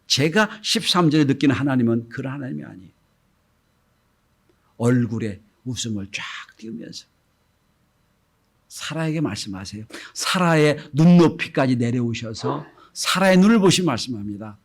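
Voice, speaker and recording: A middle-aged man preaching a Sunday sermon as pastor, often dropping into gentle quoted speech and then rising loud again. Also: mid-range voice, expressive, normal speed, husky. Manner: acts out gentle quoted speech, swings between soft and loud.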